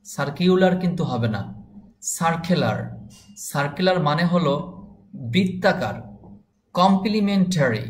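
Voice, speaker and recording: Guy teaching english words real slow, kinda high voice, echoey room. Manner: repeats each word and its meaning, corrects pronunciation. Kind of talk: slow repetitive vocabulary drill.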